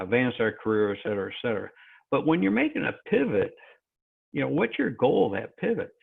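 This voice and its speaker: Gravelly man over a crackly phone line. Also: lowish voice. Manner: halting, many fillers and restarts. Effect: crackly phone-like line that fades in and out. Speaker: moderator of an online session. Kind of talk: presenting talk on a virtual call. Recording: tinny phone-like call audio.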